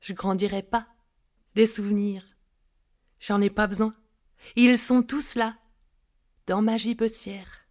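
A woman's voice: on the high side, slow pace. A woman voicing a stubborn, dreamy country girl who repeats her wandering refrain in a singsong way. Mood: defiant.

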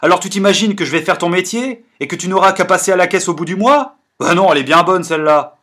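A man voicing an irritable young man who scolds loudly and impatiently in a storybook reading. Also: high-pitched, fast talker, pitched above the performer's own voice. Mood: exasperated. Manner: angry, scolding, loud.

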